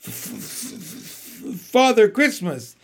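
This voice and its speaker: A man's voice: high-pitched, measured pace. A man reading a storybook aloud and voicing a timid old male fox who stammers with fear and speaks overly politely. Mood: frightened.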